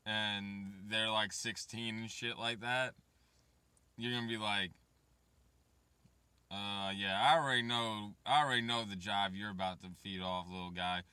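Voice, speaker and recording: A thirtysomething male vlogger rambles casually and profanely about waiting and raising kids, speaking straight to his chat. His voice sits fairly low with a steady, unhurried delivery that sounds pushed, bright, and smooth. The recording has no room sound.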